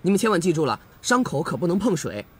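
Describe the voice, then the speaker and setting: An actor playing an impatient village doctor who talks briskly and scolds, in a TV drama. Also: medium pitch, very animated, slightly rough. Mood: reassuring. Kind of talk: TV drama acting. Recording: drama audio with music underneath.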